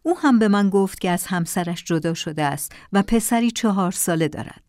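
A woman narrating a first-person story in a calm, measured way. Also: mid-range voice, dry recording, studio quality.

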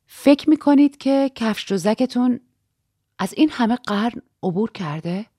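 A woman voicing a soft, earnest young woman who asks searching questions in an audiobook. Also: a little high, lively intonation, slightly rough, dry recording, studio quality, voice pushed up. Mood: soft, probing.

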